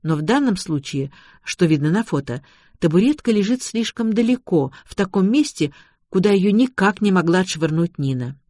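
A man's voice: high-pitched, animated, normal speed, a little mellow, dry recording, studio quality. A man voicing an apologetic woman investigator. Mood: explaining. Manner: apologetic, reasoning step by step. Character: polite guilty young woman investigator.

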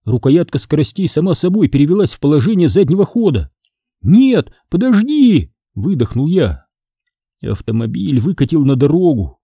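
Dark-voiced man reading a horror story. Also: on the high side, expressive, brisk, slightly rough, no room sound, lo-fi sound. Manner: tense, vivid storytelling. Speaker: audiobook narrator. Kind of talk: dramatic first-person audiobook reading.

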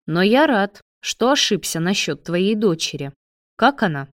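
A woman's voice: mid-range voice, sing-song, a little slow, dry recording, studio quality. A woman voicing a cold, mocking man who speaks curtly and sneers at his former lover. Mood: sneering.

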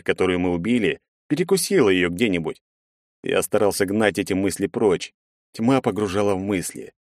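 A man with a low voice reads a first-person action story with a dramatic, lively delivery, his pitch swinging widely. The recording is close and dry, with no room around it. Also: dry recording. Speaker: audiobook narrator. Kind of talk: first-person audiobook narration.

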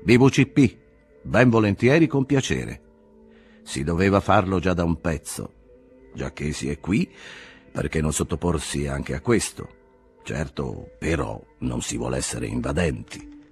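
A man's voice: rumbling low, expressive, measured pace, slightly rough, faint music behind, exaggerated voice. A man voicing a jovial older sanatorium director who banters in a brusque, joking way. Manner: bantering, brusque, full of jokes.

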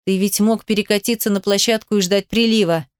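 A young man confronts his father in a level, icy, clipped voice, as a woman reader puts him on. It is an audiobook scene, recorded close and dry at a middling pitch. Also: fairly quick, smooth, no echo, natural voice. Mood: cold. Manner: flat, cold, clipped. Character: young man, cold, contemptuous, grief-stricken son.

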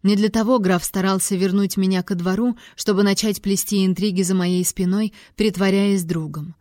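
A woman reading a first-person novel aloud in a measured, even storytelling manner. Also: medium pitch, no echo, clean studio sound. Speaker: audiobook narrator.

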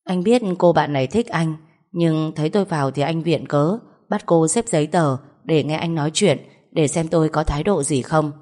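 Low-voiced woman narrating a story. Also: moderate pace, dark tone. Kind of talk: first-person audio story narration.

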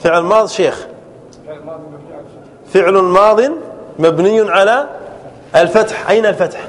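A man teaching a grammar class, drilling verb forms slowly and checking often that students follow. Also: sits high, long reverb tail. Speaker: sheikh teaching Arabic grammar.

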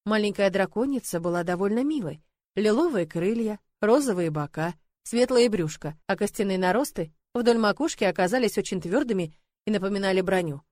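A woman narrating a first-person fantasy story in an expressive, emotive manner. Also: mid-range voice, fairly quick, no echo. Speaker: audiobook narrator.

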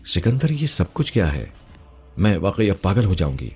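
A man reading out an emotional young wife who is wary of her husband's friend. She speaks in a pleading, reproachful tone, lifted high above a deep, husky base. Faint music plays behind the story. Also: sing-song, full character voice. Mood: bewildered.

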